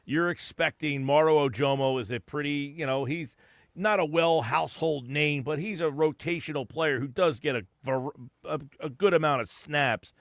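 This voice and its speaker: A man's voice: on the high side, moderate pace, no echo, studio quality. A man co-hosting a sports podcast, giving opinions casually with many fillers. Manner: opinionated, many fillers like "I mean" and "you know". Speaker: podcast co-host.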